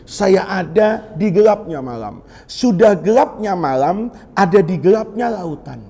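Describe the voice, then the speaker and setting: Preaching a humorous sermon in a reverberant hall, this man has a high, mellow voice that is animated yet unhurried. He tells stories, jokes with his audience, and calls his listeners "Pak".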